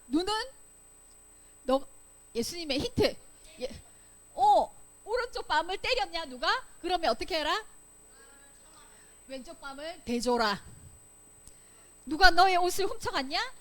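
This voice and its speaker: Woman, Sunday school teacher; high, very animated delivery, playful and quizzing. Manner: playful, quizzing the children with questions; acts out examples with sudden loud bursts. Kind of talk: lively Bible lesson for children. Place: church Sunday school room.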